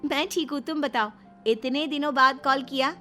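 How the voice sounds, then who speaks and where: A sneaky young woman in a cartoon family story, voiced by a woman narrator, high and sugary, sweet on the surface while she points blame at others. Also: normal speed, sharp tone, faint music behind. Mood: chatty. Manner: sugary, two-faced.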